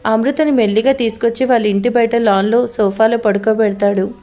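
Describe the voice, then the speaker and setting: Higher-voiced woman telling a story. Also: fairly even intonation, a little fast, mellow. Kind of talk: spoken story narration.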